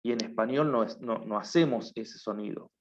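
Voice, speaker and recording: A man's voice: on the low side, normal speed, lo-fi sound. A man teaching a class, explaining patiently and often stopping to check that his students follow. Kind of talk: online class lecture.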